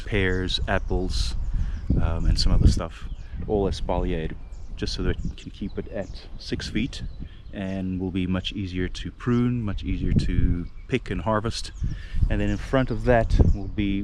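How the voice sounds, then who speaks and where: A low-pitched man from South Africa vlogs outdoors on his farmland, rambling casually with many fillers and restarts. The recording is very noisy.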